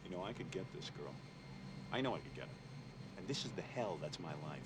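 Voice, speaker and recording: A brash, self-mocking radio shock jock. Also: male voice, sits low, very animated, fast talker, heavy background noise. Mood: musing. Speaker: radio host. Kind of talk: film dialogue and narration.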